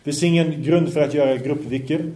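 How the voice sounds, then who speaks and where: A religious teacher gives an Islamic study lesson, reciting Arabic passages, translating and explaining them, and putting questions to his listeners. His voice is fairly high, mellow and steady. The recording comes from an echoey room.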